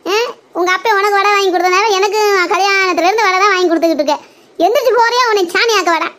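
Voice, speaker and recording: A performer doing a shrill, nagging mother-in-law. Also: rapid-fire, bright, forceful tone. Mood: exasperated. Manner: shrill, scolding, theatrical complaining. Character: nagging, scolding Tamil mother-in-law, older woman. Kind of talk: comedy skit.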